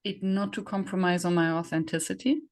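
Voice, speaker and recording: A native German speaker with a German accent hosts and facilitates a podcast, chatting reflectively in a conversational interview while searching for words. Her lowish voice is steady in tone and a little fast.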